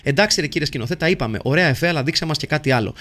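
A man's voice: on the high side, expressive, fairly bright tone. A man hosting a podcast, reading listener messages aloud in a playful, jokey way and rattling through lists of names. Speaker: podcast host.

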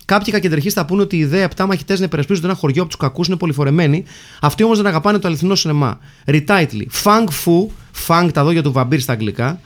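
A man's voice: a little high, animated. A man hosting a casual comedic film chat, reading out listener suggestions and joking about them. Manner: jokey, reads lists of names and titles. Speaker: podcast host reading listener mail.

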